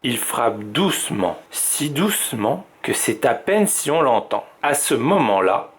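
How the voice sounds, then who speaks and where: A man from a library reading a children's picture book aloud, slow and suspenseful. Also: mid-range voice, sing-song, a little hiss or hum. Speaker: library storyteller.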